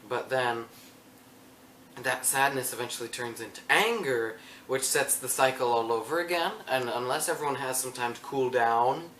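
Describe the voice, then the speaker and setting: A young man chatting in a casual solo vlog, playful and prone to wandering off topic. His voice is mid-pitched and sits a little back from the mic. The room adds a roomy echo and a faint hum of ambience. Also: normal speed, a bit bright, recorded from a distance. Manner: rambling, self-interrupting, playful. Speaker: vlogger. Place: room at home.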